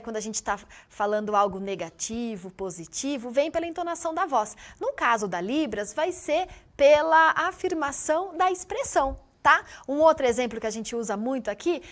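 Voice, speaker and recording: A woman's voice: on the high side, a bit bright. A woman studio teacher running a live online class, upbeat and speaking straight to the students. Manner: upbeat, addresses students directly.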